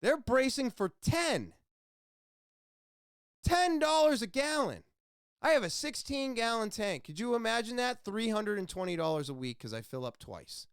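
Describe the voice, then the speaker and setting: A man hosting his own podcast, delivering an impassioned solo opinion monologue that swings between ranting and quiet somber talk. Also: extremely high pitch, sing-song, normal speed, clean tone, dry recording, clean studio sound. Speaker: podcast host.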